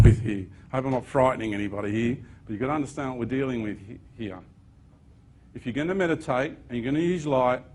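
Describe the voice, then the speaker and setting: A man's voice: mid-range voice, darkish tone. A man giving an earnest spiritual talk to an audience, with sudden emphatic bursts. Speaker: speaker.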